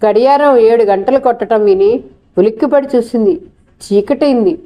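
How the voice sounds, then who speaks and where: Woman storyteller, audiobook narration, steady measured reading, mellow warm voice, somewhat high pitch.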